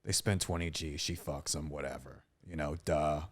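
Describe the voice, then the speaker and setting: A young man with a very deep voice tells a story on a casual podcast. He talks in a crude, animated way and swears a lot. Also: moderate pace. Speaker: podcast co-host.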